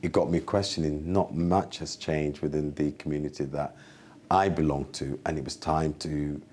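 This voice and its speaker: A man's voice: a bass voice, fairly even intonation, normal speed, darkish tone. A man in his forties, from Somalia and raised in the UK, an organisation founder speaking earnestly in an interview. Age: 40s.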